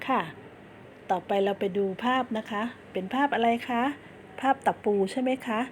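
A woman's voice: a little high, low-quality recording. Patient woman teaching small children. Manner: patient, coaxing, repeats and spells words slowly for children. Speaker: kindergarten teacher. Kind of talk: online lesson for young children. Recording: steady background noise.

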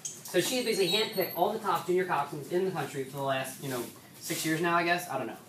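A woman rowing coach talks students through what she listens for, her voice a little low and her phrasing loose and conversational, full of restarts. She sounds set back from the mic, and the room around her rings. A faint hiss sits underneath. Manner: conversational, many restarts and "so"s, brisk stretches. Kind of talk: rowing coach giving an instructional talk. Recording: echoey room, mic at a distance, faint background noise.

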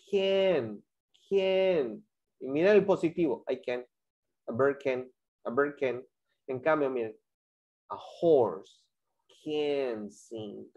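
Guy teaching english online, slow and bouncy pitch, chats w the kids. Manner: switches between Spanish and English, lively and chatty with students. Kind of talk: online class explanation.

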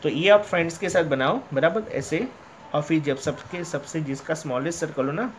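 Male primary math teacher, slightly high voice, patient call-and-answer drilling, faint noise floor. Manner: repeats questions and answers them himself, addresses pupils as beta; reads textbook lines out slowly in English. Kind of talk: classroom lesson explanation.

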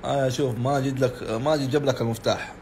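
A man's voice: medium pitch, steady tone, fast talker, a little mellow, slight background noise. A man preaching informally, who answers his viewers' comments in an earnest and exasperated way. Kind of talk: informal religious talk on a live stream.

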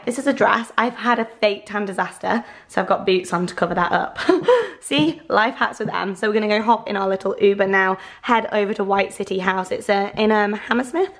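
A woman in her twenties chatting excitedly to a handheld camera at home, vlogging her week. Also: medium pitch. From England. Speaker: lifestyle vlogger. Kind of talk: casual vlog chat to camera. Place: home kitchen and bathroom, indoors. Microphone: handheld camera at arm's length.

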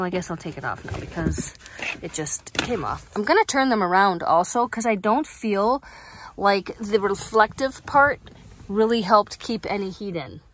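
A middle-aged woman chatting casually on her van camping vlog, upbeat and thinking aloud as she shows things around her parked minivan. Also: medium pitch. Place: inside a parked minivan, heater running. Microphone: phone camera held or mounted close. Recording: steady heater noise behind.

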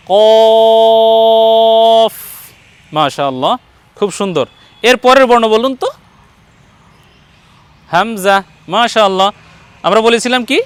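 A man with a high, smooth voice leads a patient pronunciation lesson. He models each letter slowly and encourages his student after every attempt. The sound is dry and close, with no room echo. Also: fairly bright tone. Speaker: Quran recitation teacher.

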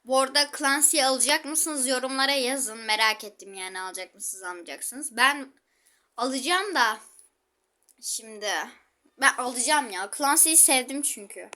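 High, bright-voiced woman gaming. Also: normal speed. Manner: chatty, exclaiming, talks to viewers while playing. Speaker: gaming channel host. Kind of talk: live gameplay commentary.

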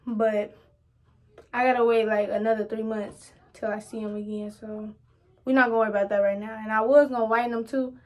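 A woman's voice: on the high side, darkish tone. A young woman vlogging casually to the camera at home, chatty and rambling, often calling her viewers y'all. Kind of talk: casual vlog chat to camera.

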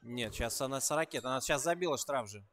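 A man giving live basketball play-by-play, calling each move with rising excitement and dropping into relaxed, chatty asides between plays. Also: mid-range voice, fast. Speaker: basketball commentator.

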